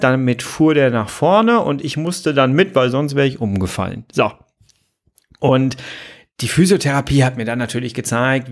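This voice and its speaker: A man hosting a motivational podcast, talking earnestly and coaching the listener directly. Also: mid-range voice. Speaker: podcast host.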